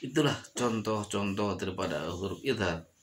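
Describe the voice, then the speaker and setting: A man's voice: on the low side, a little hiss or hum. A man teaching Quran recitation rules, drawing out and repeating each recited example word. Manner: slow, drawn-out demonstrations of recited words, repeating each example. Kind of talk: tajwid lesson.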